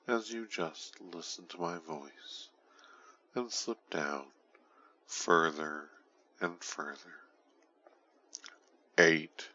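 A man speaking as a hypnotist in a guided relaxation, soothing and hushed, intimately close to the ear, often trailing into whispers, on a dull recording. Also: sits low. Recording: dull lo-fi audio with faint noise.

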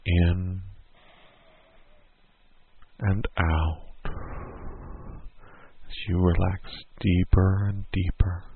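A man slowly guiding a listener through a hypnosis induction in a soothing, repetitive way. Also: low-pitched, vocal fry, slight background noise. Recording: tinny phone-like sound.

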